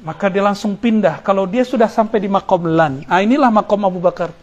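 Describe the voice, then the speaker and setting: A man with a fairly high speaking voice teaches a Sufi study circle. He explains Arabic terms one by one, recites short prayers and breaks off for jokes with his listeners. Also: a little fast, muffled recording. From Indonesia. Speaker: Islamic preacher.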